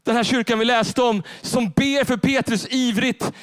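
A man preaching a sermon from a church stage, animated and repeating his key phrases straight to the congregation. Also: very high-pitched, clear, resonant tone, dry recording. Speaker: pastor.

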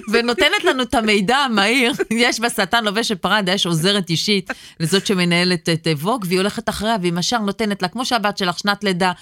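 A woman's voice: medium pitch, no echo, clean studio sound. A middle-aged woman co-hosting a casual podcast chat, telling stories and acting out the dialogue. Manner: lively storyteller, acts out dialogue. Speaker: podcast co-host.

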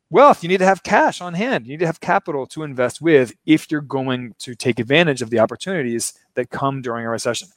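Recorded dry, a slightly high male voice belongs to a show host originally from Baltimore, Maryland, now working remotely in Brazil. He leads an informal finance conversation, lecturing loosely and breaking into laughter often.

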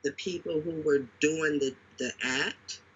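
A man's voice: on the high side, fairly even intonation, a little slow, a bit bright, husky. A man in casual conversation, retelling events dramatically with emphatic repetition. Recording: dull lo-fi audio.

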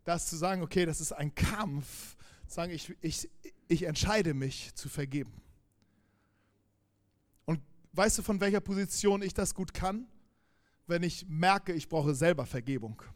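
A man preaching a sermon, emphatic and direct, turning quiet and intense as he goes. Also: on the high side, measured pace, pauses often.

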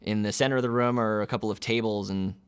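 A man narrating a tabletop game as game master, unhurried and descriptive. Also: lowish voice, fairly even intonation, clean tone.

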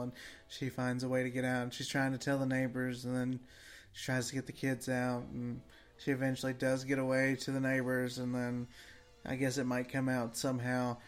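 Brief: deadpan male co-host, monotone delivery, dry sarcasm. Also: mid-range voice, brisk, faint music behind. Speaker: podcast co-host. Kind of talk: casual chat.

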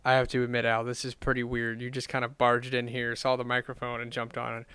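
A man's voice: mid-range voice, monotone, quick pace, pushed and bright, smooth. A man hosting his own podcast, chatting loosely with fillers and restarts. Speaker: podcast host. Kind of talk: casual podcast chat.

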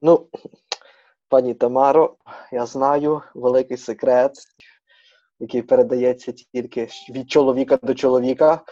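A man's voice: medium pitch, steady tone, moderate pace, warm tone, no room sound, dull audio. A young man hosting a casual podcast chat, playful and teasing, slipping in Russian words. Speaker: podcast host.

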